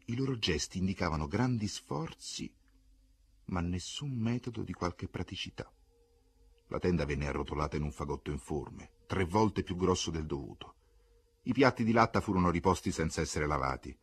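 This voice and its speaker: A man reading a novel aloud in an expressive, dramatic audiobook narration. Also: deep voice, moderate pace, slightly rough. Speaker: audiobook reader. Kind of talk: scripted narration.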